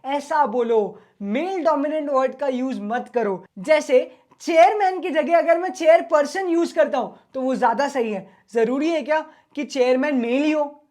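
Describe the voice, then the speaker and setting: A man's voice: extremely high pitch, normal speed, a little mellow. A man teaching an online exam-prep lecture in a casual, chatty way, mixing Hindi and English.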